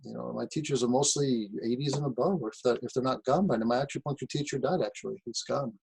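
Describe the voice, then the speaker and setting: Husky-voiced martial arts teacher reflecting. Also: male voice, medium pitch, quick pace, darkish tone, low-quality recording. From United States. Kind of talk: reflective talk to camera.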